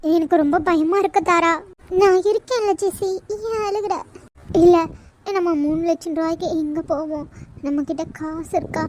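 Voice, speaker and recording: Very high-pitched cartoon young woman, anxious, tearful, pleading. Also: steady tone, moderate pace, a little mellow, no echo. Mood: worried. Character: anxious young woman, caring older sister.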